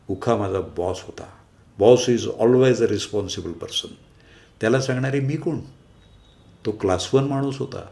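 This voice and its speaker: A man narrating a story aloud in a calm, measured manner. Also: fairly low pitch, creaky. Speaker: story reader.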